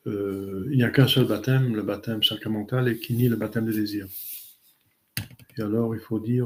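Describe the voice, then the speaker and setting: A man, a priest giving a catechism talk and answering questions in a halting way with many fillers. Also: lowish voice, a little mellow.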